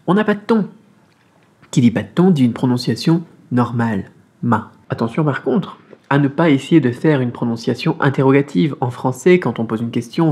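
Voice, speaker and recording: Male language teacher, upbeat and explanatory, husky tone, spells things out slowly. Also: medium pitch, darkish tone. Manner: slows to spell out syllables. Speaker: Mandarin teacher. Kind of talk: online language lesson.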